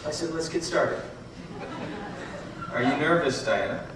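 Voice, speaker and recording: Smooth shrink, coaxing questions, boomy far off theater tape w band. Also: male voice, animated, a little slow, background noise. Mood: calm probing. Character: calm smooth male psychiatrist. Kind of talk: stage musical acting. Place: large theater stage. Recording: distant echoey theater bootleg, live band.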